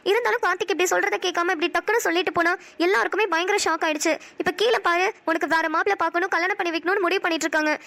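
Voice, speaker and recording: A woman's voice: extremely high pitch, fairly even intonation, very fast, gravelly, few pauses, fairly bright tone, full character voice. A woman voicing a young woman in a cartoon who scolds and reassures her friend. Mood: scolding. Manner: scolding, then soothing.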